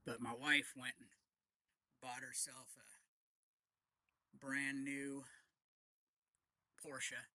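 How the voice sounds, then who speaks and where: A middle-aged man chats casually to viewers from his front deck. His voice sits at a medium pitch, and he rambles in short, leisurely phrases with pauses between them. The sound is dry and open, with no room echo. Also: little pitch movement, sharp tone. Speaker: vlogger.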